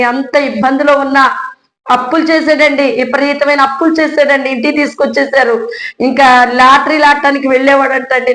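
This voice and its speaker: A woman with a fairly high voice gives a heartfelt personal faith testimony. She tells her story earnestly and keeps addressing her listeners politely. Her voice rings in an echoey room. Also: fairly bright tone. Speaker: church member giving testimony.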